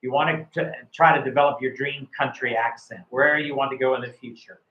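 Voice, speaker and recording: This is a middle-aged American man giving relaxed, meandering coaching to a speaking student, often pausing on "uh" and repeating himself. His voice sits at an ordinary pitch. The recording is roomy and a little dull, like a lo-fi live stream. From United States. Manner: rambling, many fillers and repeated words. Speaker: IELTS speaking tutor.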